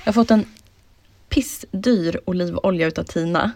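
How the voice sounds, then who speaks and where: Chatty, excitable woman in casual chat. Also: lowish voice, no room sound. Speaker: podcast co-host.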